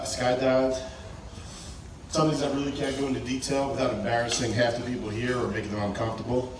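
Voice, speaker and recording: A man giving a best man's wedding toast speech, reading it from paper to the guests. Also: medium pitch. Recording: echoey noisy room, far from mic.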